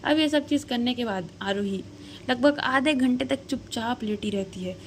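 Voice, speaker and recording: A woman's voice: on the high side, moderate pace, slight background noise. A woman narrating a story casually, chatty and slangy, talking to the listener like a friend.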